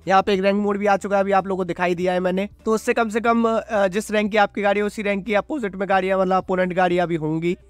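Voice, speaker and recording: Quick high-pitched gamer guy, chatty play-by-play, loud game music under him. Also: little pitch movement, no room sound. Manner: chatty, refers to himself as "your brother". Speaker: mobile gaming YouTuber. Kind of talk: excited gameplay commentary.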